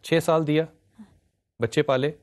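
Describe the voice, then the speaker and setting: Low-voiced woman host asking probing questions. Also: fairly even intonation. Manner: brisk probing questions with short acknowledgements. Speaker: talk show host. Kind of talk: interview questioning. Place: TV studio.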